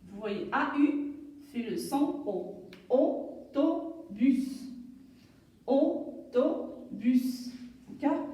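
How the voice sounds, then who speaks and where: A woman teaching a lesson to young children, speaking slowly and breaking words into syllables, with many "d'accord". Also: fairly high pitch, lively intonation, a little mellow. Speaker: primary school teacher. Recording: echoey room, voice from far off.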